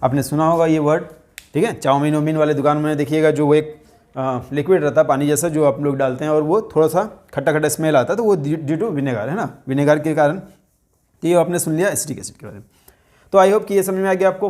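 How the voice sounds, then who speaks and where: A man teaching a chemistry lesson, asking his students questions and slowly repeating key terms. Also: on the high side, a little mellow.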